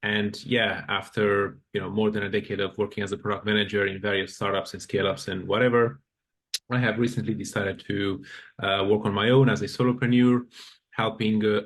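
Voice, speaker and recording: A man's voice: fairly low pitch, a bit bright, a little hiss or hum. A man from Romania introducing himself on a video call, chatty and full of filler phrases. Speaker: product consultant.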